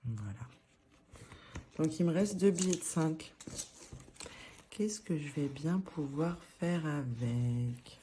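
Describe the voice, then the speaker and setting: Talking to camera about her monthly budget, a woman vlogger works through her envelopes in a chatty, slightly hesitant way, frequently starting sentences over. Her deep, mellow voice is animated yet slow, with many pauses. A little hiss or hum is audible.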